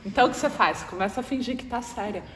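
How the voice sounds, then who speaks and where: This woman's fairly high, slightly bright voice races along as she gives a relaxed spiritual talk in a Brazilian Portuguese accent. She chats with the crowd and keeps asking them to answer back. The recording has an echoey hall sound with faint noise.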